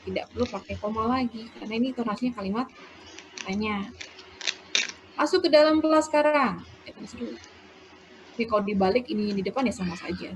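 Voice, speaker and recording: A woman teacher giving a lesson, explaining slowly and dictating example sentences aloud. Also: mid-range voice, fairly even intonation. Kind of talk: classroom lecture on punctuation. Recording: noisy background.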